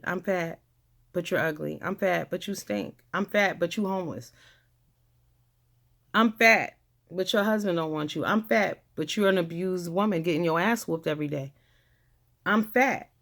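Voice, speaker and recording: A woman vlogger with a lowish, creaky voice rants angrily to the camera. She's blunt, confrontational and swears a lot, repeating phrases to drive her points home.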